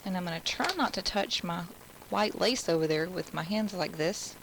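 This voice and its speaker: A woman from Alabama with an Alabama Southern accent hosts a live-streamed crafting class from home, making rambling asides while she works. Her voice is fairly low with vocal fry, she speaks at normal speed, and background noise is audible.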